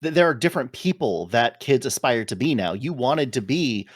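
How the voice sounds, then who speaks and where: A man co-hosting a gaming podcast in casual chat, talking things through in a measured way. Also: mid-range voice, animated, husky, dry recording, studio quality. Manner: measured, many "you know" fillers. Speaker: podcast co-host.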